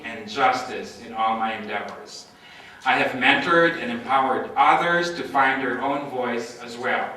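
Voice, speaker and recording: A political candidate from the Philippines delivers a formal, emphatic campaign speech full of lists. His voice is medium-pitched with a sharp tone, captured in an echoey amateur recording from far off.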